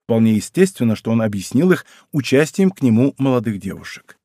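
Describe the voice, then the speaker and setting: A man's voice: mid-range voice, sing-song, brisk, warm tone, dry recording, studio quality. A man narrating a historical novel as an audiobook, reading expressively. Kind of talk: scripted literary narration.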